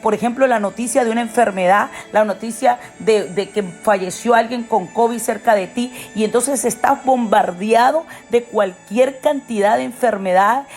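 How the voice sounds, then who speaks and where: Woman preacher with a fairly high voice delivering an emphatic devotional sermon over faint music. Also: normal speed, hardly any pauses, a little mellow. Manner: emphatic, repeats "¿ok?" and piles up phrases. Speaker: prophet, preacher.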